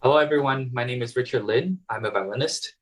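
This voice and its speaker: A man's voice: medium pitch, fast. A young man, answering interview questions casually and hesitantly, with many fillers and restarts. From Taiwan. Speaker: guest violinist. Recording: voice heard from a distance.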